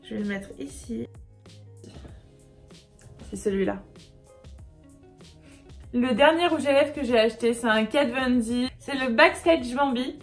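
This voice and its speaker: A woman's voice: fairly high pitch, unhurried, long pauses, faint music behind. A woman beauty vlogger chatting casually and upbeat through a makeup haul, with many fillers.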